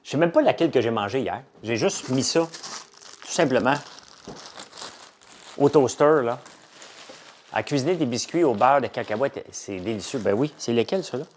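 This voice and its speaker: A middle-aged man with a Québécois French accent, casually chatting with viewers on a live stream and enthusiastically pitching his products. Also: moderate pace, pauses often, a little hiss or hum. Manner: chatty, enthusiastic salesman, lively and animated. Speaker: entrepreneur hosting a live chat.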